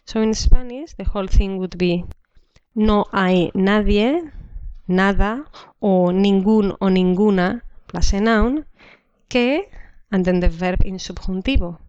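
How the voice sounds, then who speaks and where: A woman teaching a language lesson, explaining slowly and repeating each example sentence twice. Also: mid-range voice, darkish tone, clean tone, no room sound. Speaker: Spanish teacher. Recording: dull dry lo-fi recording.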